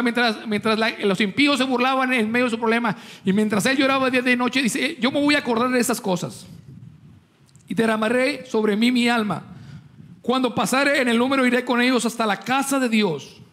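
Pastor, man with a high voice, preaching, quizzing and joking with his flock. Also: a bit bright. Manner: preaching with rhetorical questions to the congregation; jokes with the congregation. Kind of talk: sermon.

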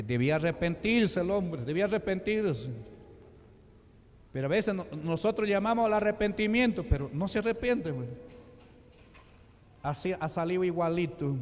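A man with a Peruvian Spanish accent preaching a sermon as a deacon, slow and emphatic, with rhetorical questions and sudden drops to a low voice. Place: church sanctuary. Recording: reverberant church hall.

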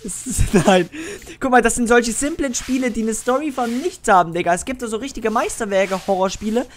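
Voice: medium pitch, quick pace, a little hiss or hum. A gaming YouTuber giving horror let's play commentary, jumpy and easily startled, swearing with youth slang and talking straight to viewers. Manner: talks directly to viewers.

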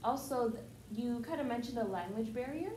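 Woman doing a patient counselor, hesitant, somewhat high voice, roomy echo. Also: lively intonation, a little fast, mellow, lightly acted. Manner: polite, hesitant, many ums and okays. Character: calm, patient family counselor. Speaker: counselor in a skit. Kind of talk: student skit role-play. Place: classroom with a table. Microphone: far camera. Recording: echoey room, background noise.

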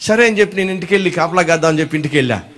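A male pastor preaching a sermon, animated and firing questions at his congregation. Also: a little high, rapid-fire.

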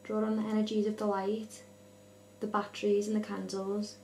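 A woman's voice: completely flat delivery, moderate pace, dark tone, reverberant, low-quality recording. A woman in her twenties solemnly calling out questions as she leads a séance for a vlog. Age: 20s. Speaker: leader of a spirit board session. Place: dim indoor room at night. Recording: low hum, faint noise.

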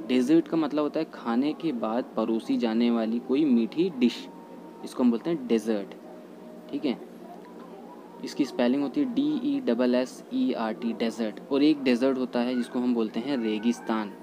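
A man teaching English pronunciation in a lesson, repeating each word slowly and carefully. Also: medium pitch, background noise. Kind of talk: Hindi-language pronunciation lesson.

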